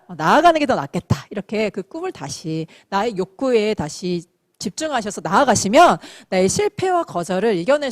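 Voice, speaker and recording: A middle-aged woman giving a motivational seminar talk to a room, animated and quick to act out the voices she quotes, with soft laughs along the way. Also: mid-range voice, no echo. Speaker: speaker at a sales company seminar.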